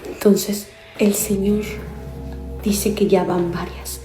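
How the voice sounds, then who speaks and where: A woman's voice: medium pitch, little pitch movement, slow pace. A woman filming a tour of an empty house at night, whispering nervously into her phone. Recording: echoey room with music over it.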